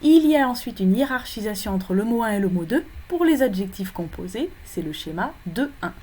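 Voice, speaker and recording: A woman's voice: mid-range voice, expressive, fairly quick, mellow, a little hiss or hum. A woman teaching English phonology in a recorded lecture for exam preparation, explaining step by step with frequent fillers and self-corrections.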